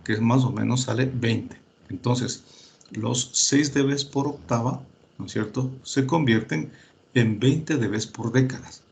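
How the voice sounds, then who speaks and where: A male teacher giving a lecture, his voice sitting at an ordinary middle pitch for a man. He works through the calculations patiently, with frequent fillers and restarts. He keeps asking whether his students are following and urges them to check the results themselves. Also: measured pace, gravelly.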